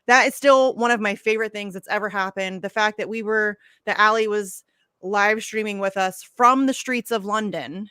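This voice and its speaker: A woman's voice: mid-range voice, moderate pace, pushed and bright, smooth, no room sound, clean studio sound. A young woman co-hosting a casual podcast, talking animatedly, laughing often and swearing freely. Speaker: podcast co-host. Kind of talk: casual chat.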